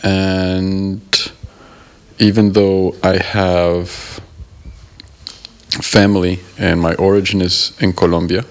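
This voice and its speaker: A man from the United States, a guest in an interview, answering in a thoughtful, measured way and pausing to rephrase. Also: low voice, little pitch movement. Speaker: guest, member of an art collective.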